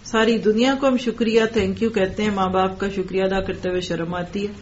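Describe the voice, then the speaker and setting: A woman teaches a Quran commentary lesson in a mid-range voice. She recites each verse slowly, then explains it plainly and turns to her listeners with direct questions. The recording is dull and lo-fi. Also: medium pitch, steady tone, slight background noise.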